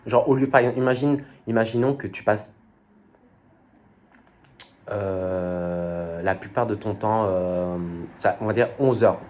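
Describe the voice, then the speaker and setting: A young vlogger talks casually to camera in an unhurried, lowish, darkish voice. He rambles and hesitates, leaning on fillers and youthful slang.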